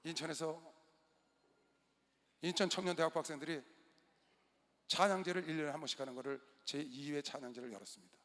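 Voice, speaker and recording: A man with a high, sharp and bright voice preaches a storytelling sermon. He swings from sudden loud bursts to quiet asides. His voice rings with the long reverb of a big indoor gymnasium used as a church hall. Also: fairly even intonation, brisk, pauses often. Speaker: pastor.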